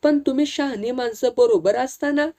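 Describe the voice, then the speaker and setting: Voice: high voice, normal speed, dark tone, pitched above the performer's own voice. A reader voicing a worried, earnest young clerk full of questions. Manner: anxious questioning.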